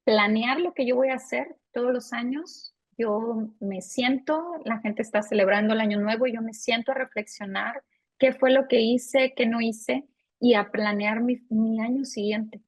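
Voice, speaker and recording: Earnest 50s woman talking money on a podcast, kinda high pitched, dry sound. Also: steady tone, a little slow, no room sound. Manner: earnest, personal. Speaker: guest financial advisor. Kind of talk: interview answers.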